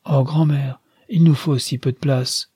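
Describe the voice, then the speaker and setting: A man's voice: medium pitch, fairly even intonation, moderate pace, warm tone, husky, no echo, lightly acted. A man reading aloud, voicing a sweet, coaxing young bride-to-be.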